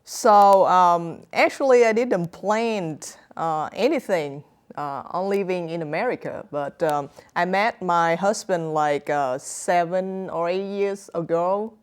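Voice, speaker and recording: A young woman from Vietnam with a Vietnamese accent, talking as an interview guest. Her voice sits a little low and sounds smooth and clear. She speaks haltingly, with many fillers and simple grammar. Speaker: author guest. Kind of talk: interview answers.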